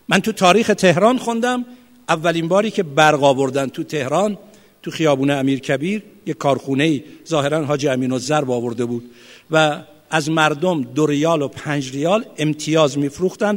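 A man preaching an impassioned sermon, swinging from hushed, low passages to loud shouting. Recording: long hall reverb.

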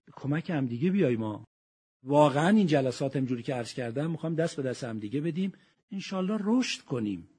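A man giving a religious sermon, reciting verses slowly and moving between quiet reflection and loud exhortation. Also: a little high, breathy edge. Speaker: preacher.

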